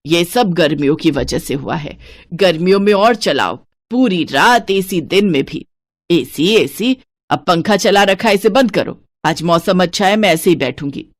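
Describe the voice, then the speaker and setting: A woman's voice: lowish voice, expressive, measured pace, no echo, studio quality. A woman voicing a stingy, scheming middle-aged mother-in-law who scolds and counts every penny. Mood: bossy.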